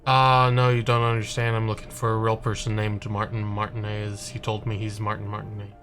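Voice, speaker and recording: A man's voice: on the low side, monotone, a little fast, a bit bright, soft background music. A male streamer reading a game's dialogue and narration aloud, hesitant and full of "uh"s. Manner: hesitant, with many "uh"s.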